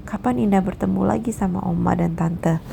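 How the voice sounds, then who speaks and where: A woman reading the part of a patient doctor and mentor in a storybook, gentle and explanatory. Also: medium pitch, a little fast, gravelly, slight background noise. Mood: calm.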